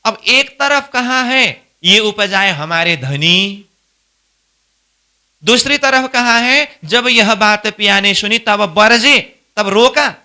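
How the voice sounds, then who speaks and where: A man's voice: high-pitched, lively intonation, slow pace, bright, forceful tone, clean tone. A man teaching a devotional scripture class, explaining verses by posing questions and answering them himself. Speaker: spiritual instructor.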